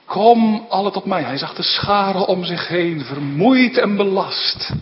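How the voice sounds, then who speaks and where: A man preaching a sermon, repeating urgent calls and then explaining them slowly. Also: high voice, animated, long reverb tail, highs cut off.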